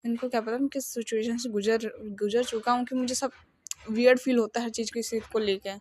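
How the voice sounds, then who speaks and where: A woman's voice: a little high, little pitch movement, brisk, a little mellow, natural voice. A woman voicing a troubled, lonely young man who speaks in an emotional, pleading way in a storybook reading. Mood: brooding.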